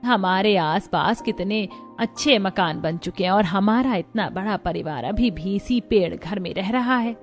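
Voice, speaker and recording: A woman voices worried daughters-in-law in a cartoon family melodrama, sounding earnest, plaintive, and complaining. Her natural voice is medium pitch at a measured pace with hardly any pauses, and a music bed plays behind her.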